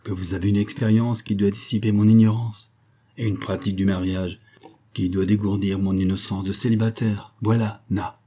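A man's voice: fairly low pitch, little pitch movement, moderate pace, warm tone, natural voice. A man voicing a cheeky young husband who plays the innocent schoolboy, reciting in a teasing singsong. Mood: mock-innocent.

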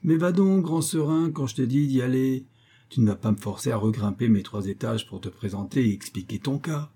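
A man reading aloud and voicing a hurried, jovial man who urges his old friend along in a brisk, pushy way. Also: fairly low pitch, vocal fry, warm tone, slightly rough, full character voice.

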